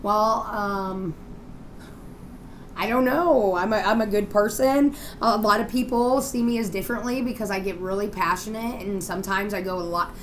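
A woman's voice: medium pitch, steady tone, moderate pace, a little hiss or hum. A woman podcast guest chatting casually, blunt and informal, swearing freely. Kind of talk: casual chat.

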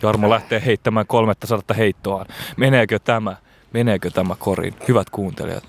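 A man's voice: lowish voice, creaky. A man giving playful, theatrical mock sports commentary as a radio host at an outdoor basketball court, recorded on a portable recorder. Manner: theatrical, bursts into excited shouts.

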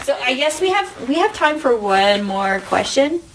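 A woman hosting a podcast interview, friendly and quick to laugh. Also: sits high, very animated, distant mic. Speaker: podcast host. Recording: roomy, from off mic, faint hiss.

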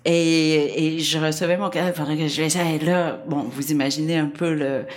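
A woman with a Québécois accent telling a personal anecdote to an audience, animated and laughing often as she talks. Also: sits low, normal speed. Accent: Québécois French. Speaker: storyteller.

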